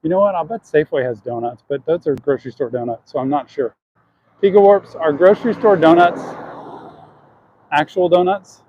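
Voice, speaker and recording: Man, slightly high voice, casual and earnest, walking outdoors, phone recording, dull lo-fi sound, faint street noise. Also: fairly quick, dark tone. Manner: chatty, earnest, addresses viewers as y'all. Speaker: vlogger answering chat. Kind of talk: casual livestream chat while walking.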